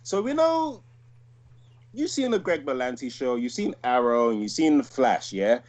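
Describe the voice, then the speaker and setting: A man's voice: mid-range voice, normal speed. A man co-hosting a casual podcast, talking in an emphatic, slangy way. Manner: animated, emphatic, full of slang. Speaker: podcast co-host. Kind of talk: casual chat.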